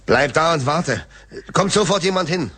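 A man's voice: on the high side, expressive, moderate pace, pushed and bright, slightly rough, full character voice. An actor playing a busy, brusque army switchboard operator in a war radio drama. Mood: urgent. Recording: faint background noise.

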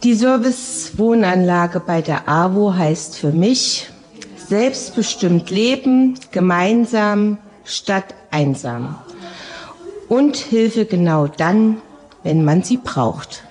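A woman's voice: medium pitch, expressive, takes it slowly, a little mellow. A woman who works as a care worker, giving a welcoming, rehearsed-sounding introduction to her workplace. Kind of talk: welcoming presentation.

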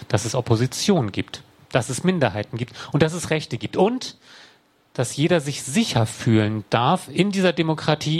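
A man giving a political speech to an audience in a room, talking deliberately and slowing down to stress key words. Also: on the high side. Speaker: speaker addressing an audience.

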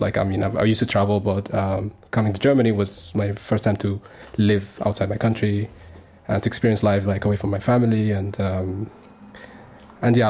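A man's voice: lowish voice, a little mellow. A man in his thirties from Sudan, speaking as a guest on a community radio interview, earnest and hesitant with many fillers and restarts. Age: 30s.

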